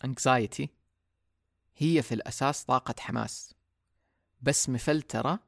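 A man's voice: medium pitch, gravelly, no echo, clean studio sound. A man hosting a solo podcast, talking in a casual, reflective way and dropping in English words. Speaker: podcast host.

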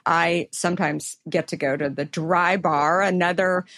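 A middle-aged woman hosts an interview podcast, introducing her guest in an effusive, filler-laden way. Her voice sits on the low side, and the recording is dry and close with no room sound. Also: fairly even intonation, measured pace, a bit bright, dry recording. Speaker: podcast host.

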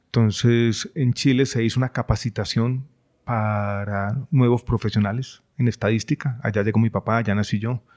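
Measured, thoughtful man. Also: on the low side, steady tone, darkish tone. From Colombia. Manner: thoughtful, measured, with frequent hesitations. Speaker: interview guest. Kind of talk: reflective conversation.

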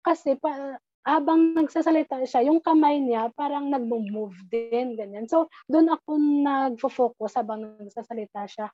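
High-pitched woman telling a story, lots of stops and restarts, dry dull sound. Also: normal speed, no room sound. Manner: hesitant, many restarts, mixes English into Tagalog. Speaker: guest telling a personal ghost story. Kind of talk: casual storytelling.

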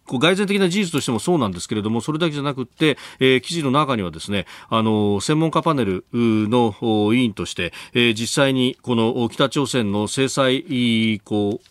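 A man hosting a radio news show, explaining the day's stories in a measured way with frequent filler pauses. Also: mid-range voice, expressive, dry recording. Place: radio studio.

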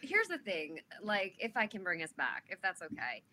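A woman's voice: mid-range voice, huge pitch swings, moderate pace, pushed and bright. A woman co-hosting a morning show, chatting casually in an encouraging, emphatic, informal way. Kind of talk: casual motivational chat. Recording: clearly audible background noise.

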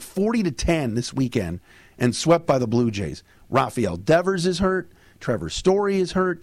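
A man hosts a sports podcast with a hoarse voice that sounds close to giving out. He talks baseball casually, in punchy, colloquial bursts, and the sound is dry and free of room echo. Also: medium pitch, darkish tone. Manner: colloquial, punchy short sentences. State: hoarse, losing his voice.

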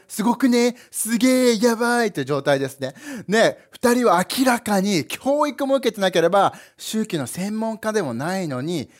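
A young man preaching a lively sermon, playful and animated, with sound effects and asides to the congregation. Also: high-pitched. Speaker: pastor.

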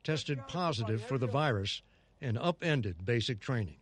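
A man's voice: medium pitch, lively intonation, moderate pace. A man with an American accent reading scripted narration for a broadcast news report. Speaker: news correspondent.

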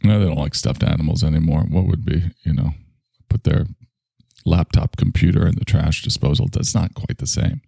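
Gravelly older man rambling on a podcast. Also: a bass voice, steady tone, normal speed, mellow, no echo, studio quality. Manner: rambling, self-mocking, jokey. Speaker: podcast host. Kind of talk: rambling solo podcast monologue.

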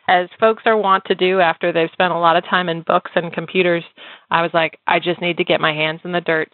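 A woman telling her story as an interview guest, animated and laughing often as she talks. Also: on the low side, no echo. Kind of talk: casual storytelling. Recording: dry, phone-like lo-fi line.

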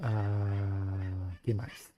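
A man giving a Buddhist dharma talk in a relaxed, conversational way, often ending phrases with a questioning tag. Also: fairly low pitch, very slow, slight background noise. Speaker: Buddhist teacher.

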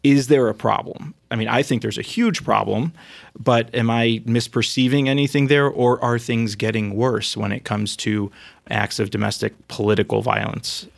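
A man's voice: mid-range voice, fairly even intonation, normal speed, gravelly, dry recording. A man hosting a podcast interview, asking questions in a conversational way with fillers. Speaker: podcast host.

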